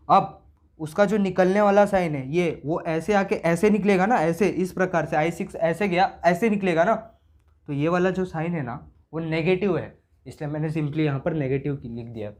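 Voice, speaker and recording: A man's voice: fairly high pitch, normal speed, a little mellow. A man teaching circuit analysis, working through each step casually and asking himself questions as he goes. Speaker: engineering teacher. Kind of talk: explaining circuit problems on a board.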